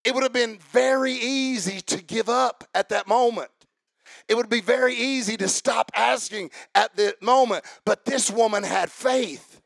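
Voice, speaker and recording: A man preaching a sermon to a congregation, asking them questions and rising into a chanted, shouted preaching cadence. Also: very high-pitched, a little slow, gravelly, no room sound, clean studio sound.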